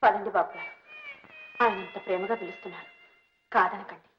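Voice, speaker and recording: An actress playing a kind, compassionate young woman who speaks in a gentle, soft, pleading way in an old film scene. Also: medium pitch, steady tone, fairly quick, soft background music, natural voice. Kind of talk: 1950s Telugu film acting. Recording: dull old film soundtrack.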